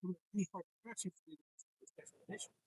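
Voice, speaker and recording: A man's voice: fast talker, mellow, poor audio. A man interviewing a comics publisher, asking long, rambling questions with many restarts. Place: comic convention floor.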